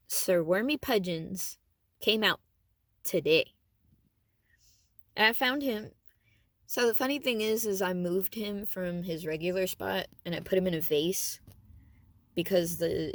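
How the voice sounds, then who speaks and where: A young adult woman vlogger telling a personal story in a casual, rambling, fond way, with animated emphasis and trailing asides. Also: fairly low pitch, dry recording.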